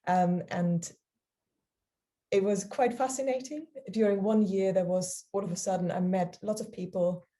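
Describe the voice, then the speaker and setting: A German woman, a charity founder appearing as a guest, answers interview questions casually and hesitantly, with plenty of ums and easy laughter. Her voice is mellow and medium-pitched, and she talks at a normal speed.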